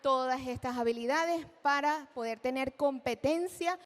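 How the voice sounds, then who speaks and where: A woman giving a lecture at a live event, animated, asking the audience questions and acting out examples. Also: unhurried. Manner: acts out children's speech in a high voice. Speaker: speech therapist giving a talk. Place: event hall.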